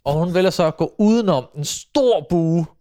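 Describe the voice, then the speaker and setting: Man, casual storyteller, slightly raised pitch, hesitant with frequent fillers. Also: expressive, mellow. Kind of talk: casual chat.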